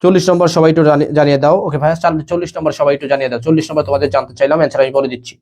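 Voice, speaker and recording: A man's voice: a little high, little pitch movement, darkish tone. A young man teaching a live online admission class, quizzing students and repeating each question and answer. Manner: rapid, repetitive, quizzes students, keeps saying "okay bhaiya".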